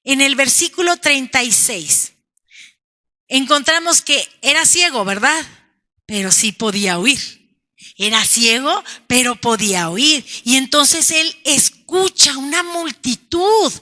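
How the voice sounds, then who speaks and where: A woman's voice: sits high, animated, slow. A woman pastor, preaching a sermon to her congregation with emphatic delivery. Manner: preaching emphatically, calling out lines as shouts; addresses congregation as brothers and sisters. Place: church.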